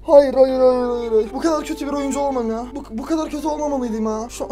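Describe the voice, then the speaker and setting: A man hosting a gaming video, commenting excitedly on his play, shouting and groaning at the game and tossing mock insults at opponents. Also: extremely high pitch, quick pace.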